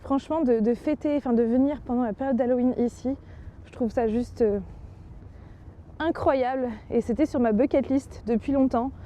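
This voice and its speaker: A woman's voice: on the high side, normal speed, warm tone, highs cut off, a little hiss or hum. A woman narrating a casual travel vlog in a chatty, enthusiastic way, with many fillers. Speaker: travel vlogger.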